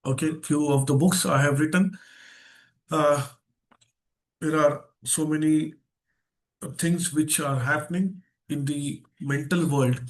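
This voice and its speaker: A man with an Indian accent and a fairly high, steady voice speaks slowly with long pauses, acting as a guest trainer in an interactive online seminar held over video. He stresses key phrases and puts questions to his listeners, and the recording is rough.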